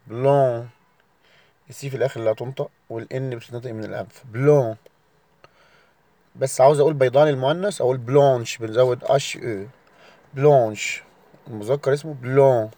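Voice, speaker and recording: A man with an Egyptian Arabic accent teaches a recorded lesson and says each word slowly, again and again. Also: medium pitch, mellow, no room sound. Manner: slow, drawn-out repetition of each word.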